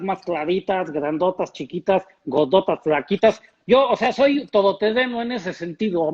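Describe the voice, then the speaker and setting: Cocky comic puppet lothario, played by a man: very high, unhurried, slangy, with an impediment on R. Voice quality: high-pitched. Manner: cannot pronounce R, speech impediment. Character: cocky womanizing puppet character, slangy, boastful, earthy. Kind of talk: comic improvised character interview. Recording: dull lo-fi sound.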